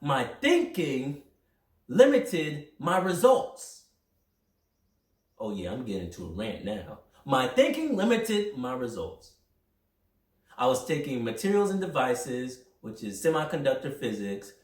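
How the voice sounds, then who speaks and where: A young man hosting a podcast, talking through a personal motivational monologue in an energetic, rambling, self-reflective way. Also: medium pitch, normal speed. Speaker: podcast host. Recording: roomy echo, mic at a distance.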